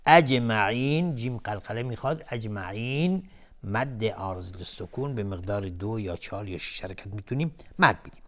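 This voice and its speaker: Calm man teaching Quran recitation. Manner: chants verses slowly in high melodic recitation, then explains rules plainly; calm, methodical, repeats each word while explaining. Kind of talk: televised Quran recitation lesson.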